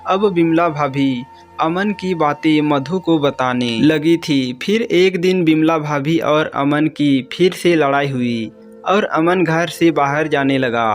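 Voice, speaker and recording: A male narrator tells a scripted moral story in a calm, measured manner. He speaks very slowly with a slightly high voice. Light music plays faintly in the background.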